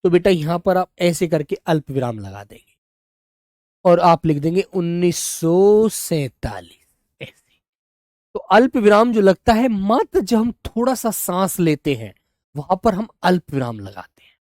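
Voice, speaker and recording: Patient woman teaching children slowly. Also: fairly low pitch, animated, no room sound, clean studio sound. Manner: patient, stretches words slowly while writing; calls students "children" and "dear children" warmly. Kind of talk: live online class for children.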